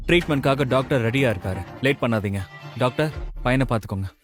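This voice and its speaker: An actor playing a stern young heir who gives curt commands in a dubbed drama. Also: male voice, mid-range voice, lively intonation, quick pace, faint music behind, lightly acted.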